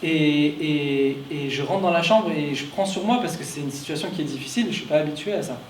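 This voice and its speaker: A man's voice: fairly high pitch, brisk, a little hiss or hum. Man telling a story in an echoey room. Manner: emotional, repetitive restarts. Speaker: conference speaker. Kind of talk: personal storytelling talk. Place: conference room at a clinic. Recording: echoey room, distant mic.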